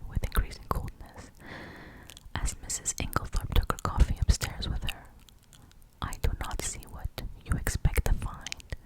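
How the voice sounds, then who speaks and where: An ASMR reader whispers a detective novel very close to the listener. The voice is fully unvoiced, soft and breathy, often slipping toward inaudible. The narration stays hushed and murmured throughout. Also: poor audio.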